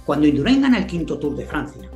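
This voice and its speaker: Lively older Spanish storyteller man. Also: fairly high pitch, fast, roomy sound, soft background music. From Spain. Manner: lively storyteller who acts out voices in quotes. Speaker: guest sports journalist. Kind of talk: animated anecdote telling.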